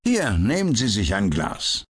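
A man's voice: on the low side, huge pitch swings, measured pace, husky, voice pushed up, heavily acted. Sherlock Holmes, a man voicing a mocking detective. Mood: ironic. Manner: dry, mocking and cool. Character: Sherlock Holmes, sharp ironic male detective. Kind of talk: audiobook character voice.

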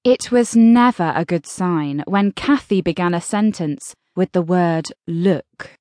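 A woman's voice: lowish voice, takes it slowly, a little mellow, dry recording. A woman narrating an audiobook in the first person, with a dry, wry storytelling manner, recorded close in a studio.

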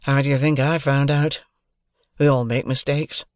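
A man voicing a young miner in his twenties who talks in a calm, reassuring, easygoing way. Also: mid-range voice, moderate pace, dry recording, studio quality, close to an everyday voice.

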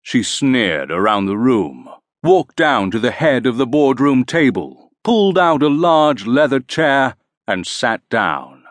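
Slow, lively male storybook narrator. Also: mid-range voice, dry recording, studio quality. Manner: slow, expressive. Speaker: audiobook narrator.

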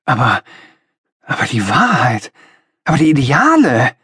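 A man's voice: on the high side, sing-song, measured pace, slightly rough, no room sound, clean studio sound, pitched above the performer's own voice, exaggerated voice. A man voicing an earnest, idealistic young man who speaks with passion and a raised voice in an audiobook reading. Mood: impassioned. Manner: impassioned, raised voice.

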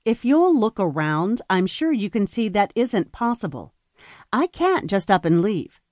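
A woman's voice: mid-range voice, very animated, measured pace, a little mellow, no echo, studio quality. A woman voicing a young female doctor, composed and stubborn, with a lilting, polite but unyielding way of speaking. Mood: resolute.

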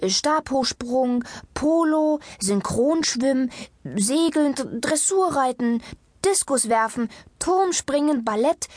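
A woman voicing an earnest, slim lady doctor in a children's storybook. She talks slowly and seriously and eagerly rattles off long lists. The sound is dry and close. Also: medium pitch, big pitch swings, slightly rough, no room sound. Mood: listing eagerly.

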